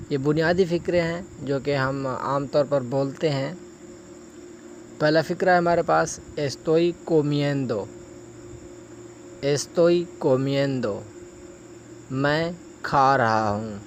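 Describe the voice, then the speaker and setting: A male teacher giving a spoken lesson, pausing to say each example phrase slowly and carefully. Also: mid-range voice, a little hiss or hum. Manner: slow, drawn-out modeling of example phrases. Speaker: language teacher.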